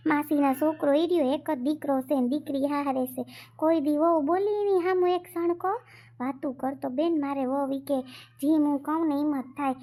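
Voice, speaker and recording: A quarrelsome older village mother, played by a woman, scolds her grown children in a thick Kathiawadi Gujarati accent. Her voice sits high, and she complains and repeats her points in a family comedy skit. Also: mellow, lightly acted.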